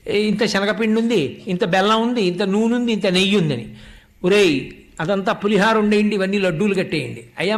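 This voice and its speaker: Male preacher, high voice, devotional storytelling sermon that voices the figures in dialogue. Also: fairly bright tone.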